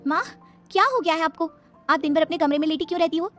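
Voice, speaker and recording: A woman voicing a whiny, scheming young sister-in-law in an animated story. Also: extremely high pitch, fast talker, soft background music. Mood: defiant.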